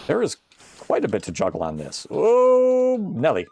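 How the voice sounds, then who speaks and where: A fairly low-voiced older man chats through a retro shoot 'em up on his live stream. His pitch swoops up and down a lot, and he lets out loud exclamations at close calls while he talks to viewers. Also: huge pitch swings, brisk, vocal fry, a little hiss or hum. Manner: chatty, exclaims loudly at close calls, greets chat viewers. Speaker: streamer playing a retro computer game. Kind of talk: casual live-stream gameplay commentary.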